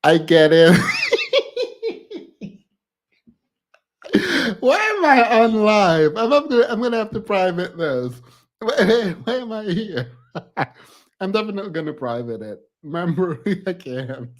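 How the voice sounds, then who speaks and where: A man's voice: high-pitched, big pitch swings, slow pace, pauses often. A man making casual reaction commentary, laughing through incredulous asides. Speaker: reaction streamer.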